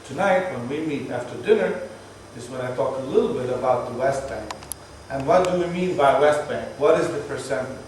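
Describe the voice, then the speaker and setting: A man's voice: medium pitch, lively intonation, brisk, few pauses, a little mellow. A tour guide, chatting patiently to his group on a moving bus. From Palestinian, from Jerusalem. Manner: chatty, explaining patiently with jokes. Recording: echoey distant voice, bus noise.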